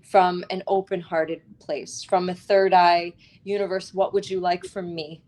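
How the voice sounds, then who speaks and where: A woman appears as a guest author in a conversational interview, speaking earnestly and reflectively and often checking in with a brief tag question. Her voice is lowish, level, unhurried and somewhat dark in tone.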